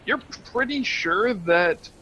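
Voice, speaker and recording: A man's voice: sits high, animated, slow, pushed and bright, muffled recording, slight background noise. A man acting as game master in a tabletop game, describing the scene in a rambling, hesitant way with many restarts.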